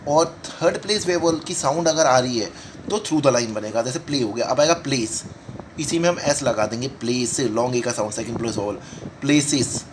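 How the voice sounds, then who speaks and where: Brief: male shorthand tutor, a bit higher voice, patient and repetitive, faint hiss behind. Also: low-quality recording. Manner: explains while writing, repeating each word slowly. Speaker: shorthand teacher. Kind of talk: step-by-step lesson talk in Hindi-English mix.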